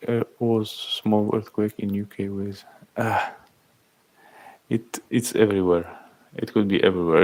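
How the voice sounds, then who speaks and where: A man in his thirties from Algeria, chatting casually on a livestream, reading out and thanking viewers' comments in halting speech. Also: on the low side, a little mellow. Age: 30s. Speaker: livestream host. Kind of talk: casual live-stream chat.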